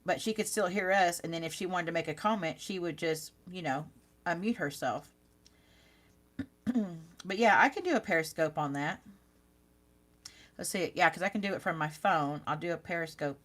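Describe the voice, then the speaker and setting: A woman's voice: lowish voice, normal speed, pauses often, a bit bright. A woman hosting a live card-making demonstration, chatting casually with her viewers and teasing herself as she works. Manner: self-teasing, laughs at herself. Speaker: card-making channel host.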